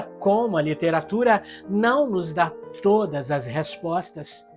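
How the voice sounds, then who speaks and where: A Brazilian book reviewer reads a scripted literary review, her medium-pitched voice a little mellow, in a solemn, reflective, rhetorical style. Guitar music plays behind her.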